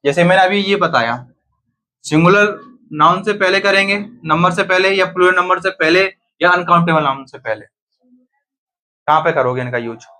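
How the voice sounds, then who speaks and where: A man's voice: high-pitched, normal speed, sharp tone. A man teaching a grammar lesson to a class, often asking students questions and then answering them himself.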